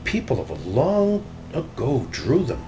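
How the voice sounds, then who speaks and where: A man voicing a boastful, excitable cartoon duck adventurer from a storybook, in an exclamatory way. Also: medium pitch, a little slow, noisy background. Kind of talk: storybook character reading.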